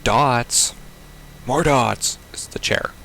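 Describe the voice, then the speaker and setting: A man plays through a visual novel, reading the game text aloud with casual, baffled, sweary commentary. His medium-pitched voice is gravelly, pushed and bright, and extremely slow, with slight background noise.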